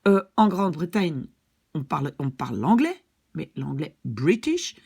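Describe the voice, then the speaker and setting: A woman's voice: sits low, very animated, unhurried, gravelly, a little mellow, husky. A woman from Belgium with a Belgian French accent, explaining a language point in a chatty, casual lesson, with lots of examples and asides. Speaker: Dutch language teacher.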